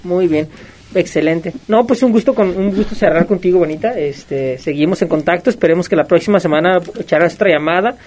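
A man's voice: sits high, brisk, a little mellow, a little hiss or hum. A man hosting a sports radio show, questioning his guest eagerly. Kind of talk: radio interview.

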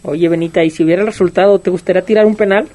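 A man's voice: sits high, fairly even intonation, rapid-fire, warm tone. A man hosting a sports radio show, questioning his guest eagerly. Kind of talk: radio interview.

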